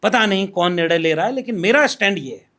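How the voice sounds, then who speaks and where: A man as a podcast guest, talking politics in a measured, explanatory way and laying out his points one by one. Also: sits high, lively intonation, bright, forceful tone. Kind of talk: political discussion.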